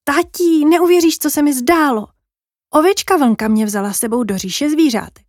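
An eager, curious little girl from a bedtime storybook, kind and bright-voiced, as a woman reads her. Her voice sits a little higher than normal and sounds close and dry. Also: lively intonation, no room sound.

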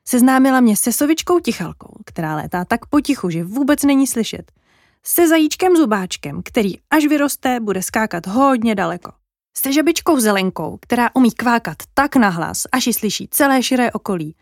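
A woman's voice: a little high, lively intonation, no room sound, clean studio sound. Woman doing an eager little girl.

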